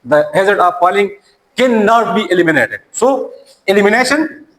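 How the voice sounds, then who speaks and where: High-voiced man giving a lecture. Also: animated, fairly bright tone, poor audio. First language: Urdu. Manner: halting, repeats words and restarts. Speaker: teacher. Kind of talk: classroom lecture.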